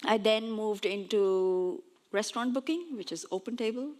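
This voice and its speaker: A woman's voice: mid-range voice, moderate pace, a little mellow. Chatty woman giving a conference talk. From Pakistan. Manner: chatty and lightly self-mocking with the audience. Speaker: conference speaker. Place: on stage before an audience.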